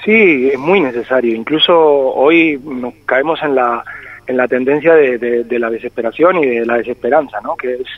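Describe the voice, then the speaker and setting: A man in his forties, a singer-songwriter born in Spain, speaks with a mid-range voice at normal speed and a slight Argentine-tinged Spanish accent. He talks reflectively, with many hesitations, during a phone interview. The recording comes through a tinny, dry telephone line with no echo.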